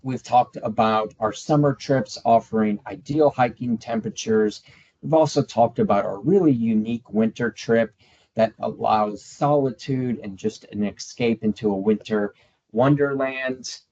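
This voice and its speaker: A male webinar host with a mid-range, darkish voice speaks a little slowly while hosting a travel webinar. He sounds cheerful, upbeat and polite in a promotional way, and the video call audio is slightly muffled.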